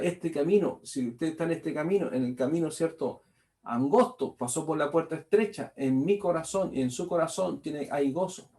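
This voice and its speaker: A man's voice: fairly high pitch, gravelly, darkish tone. A male pastor preaching a sermon, reading scripture aloud and then expounding on it, repeating phrases and tagging lines with "¿cierto?".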